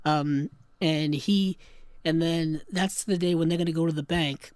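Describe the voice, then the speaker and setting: A man co-hosting a casual film podcast, retelling scenes with lively put-on voices. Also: fairly high pitch, clean tone, no room sound. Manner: animated, acts out scenes in quick put-on voices. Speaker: podcast co-host.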